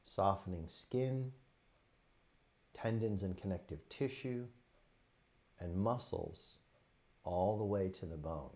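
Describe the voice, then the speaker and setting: A fairly low-voiced man acts as a teacher, steering students through a meditation practice. He keeps his words soft and leisurely, delivering short phrases punctuated by pauses.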